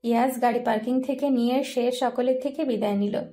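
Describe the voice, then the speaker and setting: Woman, narrator, scripted romance story, mellow, slightly high voice. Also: fairly even intonation, brisk.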